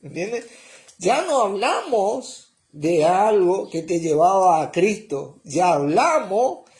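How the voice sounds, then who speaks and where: Preaching in a slow, explanatory manner, this man has a high-pitched, very animated voice with a darkish tone. He frequently tosses a brief "¿eh?" or "¿mm?" to his listeners.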